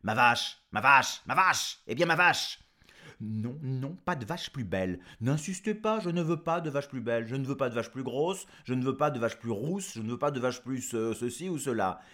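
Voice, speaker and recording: A man's voice: mid-range voice, expressive, a little fast, few pauses, natural voice. A man voicing a stubborn peasant who insists on being repaid for his cow. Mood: insistent. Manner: insistent, repetitive, blustering.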